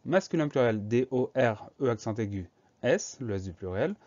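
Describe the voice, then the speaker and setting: A man teaching a French spelling lesson, going through each word slowly and spelling it out letter by letter. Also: medium pitch, animated, a little mellow, muffled recording. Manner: slow, methodical, spelling words letter by letter.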